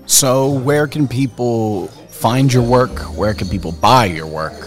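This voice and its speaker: A man's voice: medium pitch, slow, faint music behind. A man interviewing designers in a laid-back, joking way. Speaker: correspondent interviewer. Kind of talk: casual interview.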